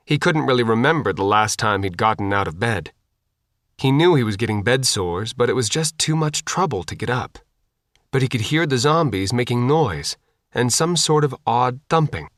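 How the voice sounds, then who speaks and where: A man's voice: mid-range voice, expressive, moderate pace, a bit bright, no room sound, clean studio sound. Plain matter-of-fact male audiobook narrator.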